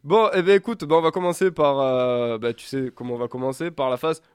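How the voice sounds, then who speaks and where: A man's voice: mid-range voice, a little fast, smooth, no room sound, studio quality. A man hosting a casual radio show, joking and teasing his guest in a chatty way.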